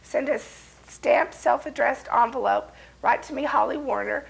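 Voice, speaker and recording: A woman hosting a local TV cooking show, hoarse from a cold, folksy and chatty with her viewers. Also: a little high, normal speed, poor audio.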